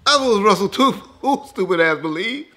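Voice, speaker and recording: A man speaks in a high, expressive voice at normal speed, bright and forceful. He's an interview guest rebutting rumors, talking casually and bluntly, dismissive and emphatic, swearing freely and repeating himself in profane, opinionated talk.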